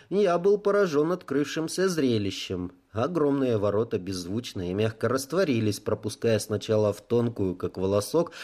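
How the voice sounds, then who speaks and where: A man's voice: fairly low pitch, darkish tone. A man reading a first-person audiobook, with ironic asides to the listener. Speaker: audiobook narrator.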